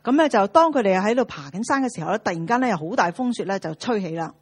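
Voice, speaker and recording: Quick, husky woman interpreting a sermon. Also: medium pitch, animated. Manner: quick, with many filler particles.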